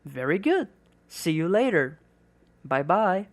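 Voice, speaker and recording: A woman reading the part of a modest male rock singer meeting a fan, in slow, carefully pronounced English. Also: lowish voice, very animated, pitched below the performer's own voice, exaggerated voice.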